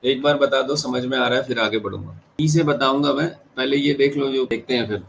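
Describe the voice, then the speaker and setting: Indian man, exam-prep teacher, repeats terms, checks understanding, mid pitch, faint hiss behind. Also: fairly even intonation, fairly quick, vocal fry, poor audio. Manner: mixes Hindi and English, repeats key terms, checks students understand. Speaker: English teacher. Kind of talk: classroom lecture.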